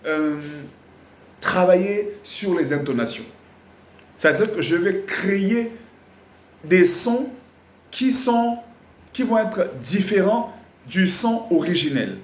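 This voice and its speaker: Slow-speaking male singing teacher, echoey room. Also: high voice, lively intonation. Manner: slow, repetitive explaining with frequent fillers and sung examples. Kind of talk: live online music lesson.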